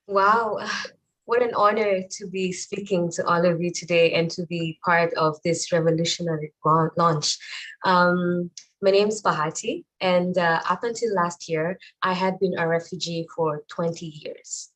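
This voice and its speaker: Husky-voiced woman telling her story. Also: fairly low pitch, fairly even intonation, measured pace, fairly bright tone, low-quality recording. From Rwanda. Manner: earnest, reflective storytelling. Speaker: nurse and keynote speaker. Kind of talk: prepared personal speech. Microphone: video call.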